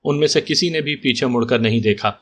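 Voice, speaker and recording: Male narrator for an audio story, middle pitch, even steady reading. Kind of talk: scripted narration of a detective story.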